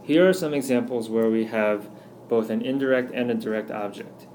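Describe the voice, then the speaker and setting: A man teaching a recorded grammar lesson, walking through slide examples patiently and slowing down to spell out each one. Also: medium pitch, darkish tone, slight background noise. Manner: patient, explanatory, slows down on examples. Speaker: Spanish teacher.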